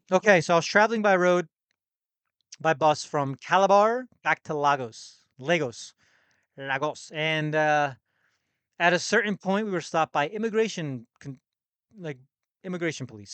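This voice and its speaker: Young american man, casual travel storytelling, slightly high voice, dry close sound. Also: fairly quick, fairly bright tone, clean tone, no room sound. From United States. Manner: rambling, self-correcting, laughs between thoughts. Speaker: podcast host.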